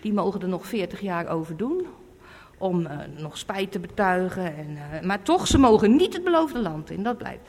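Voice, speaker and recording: A woman's voice: mid-range voice, animated, normal speed, a little mellow. A woman preaching a sermon, emphatic and repeating her warnings. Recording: echoey hall.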